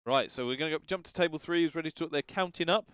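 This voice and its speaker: Clear-voiced man hosting, close and dry. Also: on the high side, very fast, a bit bright, no echo. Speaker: livestream host and commentator. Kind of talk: casual live tabletop tournament commentary.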